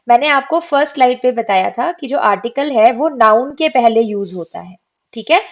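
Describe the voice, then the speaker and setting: A woman teaching English grammar from slides. She asks her students questions and answers them herself. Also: high voice. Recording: dull lo-fi recording.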